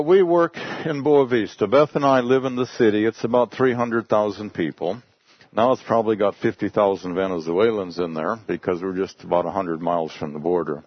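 With a fairly low pitch, an English-speaking missionary tells his congregation about his work, keeping it folksy and storylike, as if chatting. English is his first language. The dry recording comes across dull and lo-fi.

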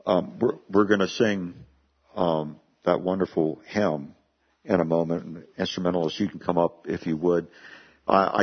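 A man's voice: deep voice, husky. A male pastor preaching a sermon in a church service, earnest, asking the congregation questions and restarting his words as he goes. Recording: dull lo-fi sermon recording.

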